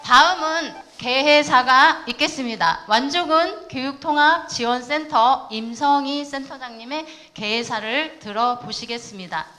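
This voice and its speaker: High-voiced woman emcee over music. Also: unhurried, few pauses, pushed and bright. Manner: polite, formal, introduces guests one by one. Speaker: event emcee. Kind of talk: formal ceremony announcing.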